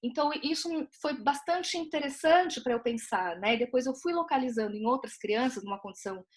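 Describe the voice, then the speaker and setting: A woman's voice: sits high, lively intonation, fairly quick. A woman with a Brazilian accent, a clinician, talking on an online meeting with many fillers and tag questions. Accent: Brazilian Portuguese. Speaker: clinician from a therapy team. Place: home, video call.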